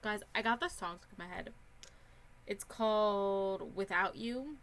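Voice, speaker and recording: With a fairly bright, mid-range voice at a measured pace, this Sims gaming YouTuber walks through a house she made in a life-sim game. She's young, chatty, and rambling, filling the tour with lots of ums.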